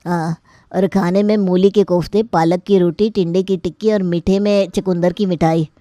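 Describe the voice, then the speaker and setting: A woman's voice: on the low side, fairly even intonation, moderate pace, warm tone, no echo, clean studio sound, lightly acted. A woman voicing a grumpy, demanding, middle-aged uncle-in-law in a cartoon, huffy and easily offended. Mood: bossy. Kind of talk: cartoon voice acting.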